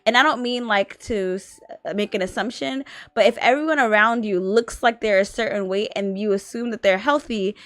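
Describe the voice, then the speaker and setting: A woman's voice: mid-range voice, moderate pace, few pauses, fairly bright tone, dry recording. Chatty woman with many filler words. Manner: rambling, heavy on filler words. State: sleepy, yawning. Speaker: guest on husband's art stream. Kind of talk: casual chat.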